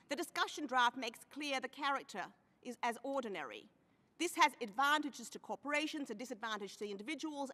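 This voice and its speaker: A woman giving formal testimony at a hearing, stressing key phrases by slowing down. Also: high voice, pushed and bright. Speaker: hearing witness. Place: large hearing room. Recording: long reverb of a hearing room.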